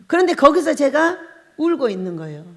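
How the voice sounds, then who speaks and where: Lively high-voiced woman pastor in a hall. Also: fairly quick. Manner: storytelling, laughs often, acts out her own crying and shouting. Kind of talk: sermon with personal testimony. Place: church hall. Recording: long hall reverb.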